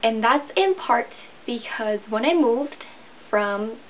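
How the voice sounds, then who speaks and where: A woman's voice: on the high side, animated, a little hiss or hum, poor audio. A woman in her twenties, raised in Venezuela and California, talking casually to camera in a rambling, chatty way about books. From Venezuela and San Diego, California. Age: 20s. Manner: chatty, rambling, quick bursts. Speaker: booktuber.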